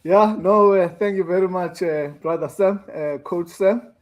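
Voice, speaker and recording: A man, a fellow coach, giving quick polite greetings in a casual interview with many fillers. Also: sits high. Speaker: co-guest coach.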